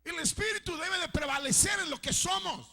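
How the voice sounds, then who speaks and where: A man with a Salvadoran Spanish accent preaching a sermon as pastor, often breaking into loud, shouted outbursts. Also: very high-pitched, normal speed, gravelly.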